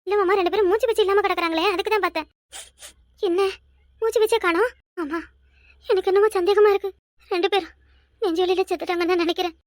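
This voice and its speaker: A woman's voice: very high-pitched, fairly even intonation, quick pace, pauses often, no room sound, clean studio sound. A woman doing an earnest young village wife. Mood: alarmed. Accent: Kanyakumari Tamil. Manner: earnest, imploring.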